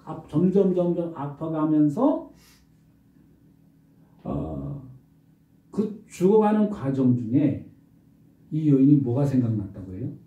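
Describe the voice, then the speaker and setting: Animated male pastor in an echoing church. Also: fairly high pitch, slow, long pauses. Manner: animated storytelling, rhetorical questions. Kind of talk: sermon. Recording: roomy distant dull recording.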